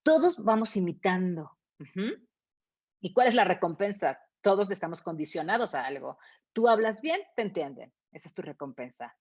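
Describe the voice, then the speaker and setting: A woman's voice: fairly low pitch, very animated, moderate pace, darkish tone, husky. Emphatic woman teacher, lo-fi. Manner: emphatic, repetitive, rhetorical questions. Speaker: English teacher, interview guest. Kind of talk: explanatory interview talk. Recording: dull lo-fi sound.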